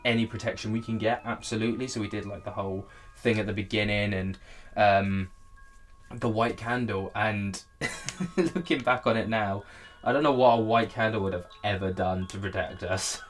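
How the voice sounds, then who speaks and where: A man with a slightly low-pitched voice talks casually and candidly as a host reviewing old footage. He is self-deprecating in how he tells it. Faint music plays underneath. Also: normal speed. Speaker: host looking back on own video. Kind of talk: casual reaction commentary.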